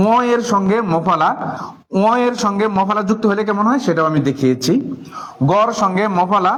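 A man from Bangladesh, teaching in a classroom with a board. He leads the class in call-and-response drills and slow chanted rhymes. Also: sits high. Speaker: madrasa teacher.

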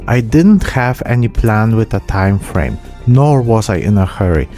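Over soft background music, the host of a miniature painting channel, a man in his thirties, narrates a casual hobby tutorial full of self-deprecating humor. His voice is lowish and dark, swinging widely in pitch and moving a little slowly. A close desk microphone with a pop filter picks him up in a small room.

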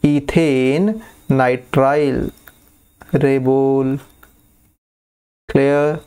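A man teaching chemistry in a casual classroom style, repeating key terms slowly and often checking that students follow. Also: mid-range voice, steady tone, a little mellow, clean tone. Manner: coaxing, checks understanding often.

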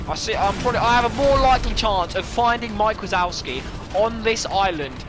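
A man gaming and raging loudly, swearing and shouting at the game. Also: sits high, expressive, a little fast. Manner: loud, shouty, swears constantly. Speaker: gamer. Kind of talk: raging gameplay commentary. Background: music and game sounds.

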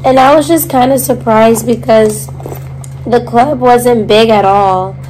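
A woman in her twenties chatting casually to her vlog, her voice hoarse with a smoker's rasp as if half lost. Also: a little high, fairly even intonation, unhurried, darkish tone, faint music behind, low-quality recording. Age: 20s. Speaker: vlogger. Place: hotel-like bedroom, indoors. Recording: noticeable background hum and noise.

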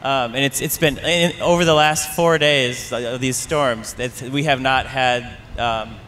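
A man's voice: mid-range voice, fairly even intonation, a little slow, fairly bright tone, a little hiss or hum. A man from the audience at a public panel discussion, speaking casually and hesitantly, with frequent fillers.

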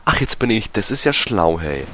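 A man giving casual, self-mocking commentary over a multiplayer match, his voice going hoarse. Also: fairly low pitch, sing-song, normal speed, fairly bright tone, a little hiss or hum. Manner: chatty, self-mocking, many fillers. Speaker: gaming YouTuber. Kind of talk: casual let's-play commentary.

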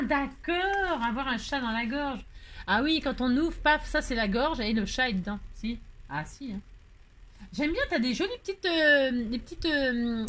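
A woman's voice: a little high, a bit bright. A woman hosting a crafting channel, chatting casually and exclaiming with delight as she opens mail, with many fillers, and talking to the items she unpacks. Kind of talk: casual chat while opening mail.

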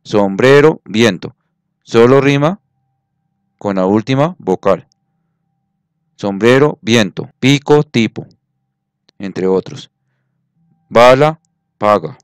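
A man's voice: lowish voice, animated, takes it slowly, pauses often, clean tone, no echo, clean studio sound. A man teaching a classroom lesson, patient, counting syllables aloud and checking that students follow.

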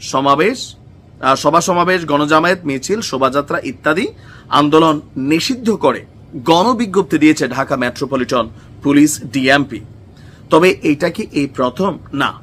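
A man's voice: on the high side, sharp tone. A man with a Bangladeshi accent gives informal news commentary in an emphatic way, driving points home with repetition and rhetorical questions.

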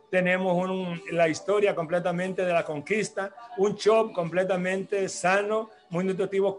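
A man hosting a religious program, giving announcements and church talk in a rambling, hesitant way, full of restarts and tag questions. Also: sits high.

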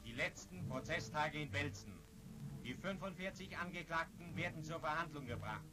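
High-pitched male old newsreel narrator. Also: moderate pace, poor audio. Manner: formal, declamatory old newsreel delivery. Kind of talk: 1940s German newsreel narration, scripted. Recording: vintage 1940s newsreel soundtrack. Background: loud music.

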